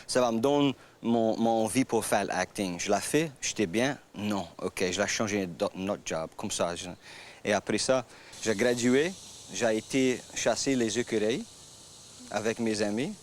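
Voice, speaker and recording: Cajun man telling his story, low voice. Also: normal speed, slight background noise. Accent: Cajun French. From Louisiana. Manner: animated, acts out quoted voices. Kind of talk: casual storytelling interview.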